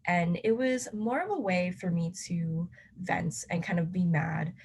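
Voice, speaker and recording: A woman's voice: on the low side, unhurried, gravelly, darkish tone, slightly rough. A young woman, a first-year college student, answering interview questions casually with many "like" and "um" fillers. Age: young adult. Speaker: student activist guest.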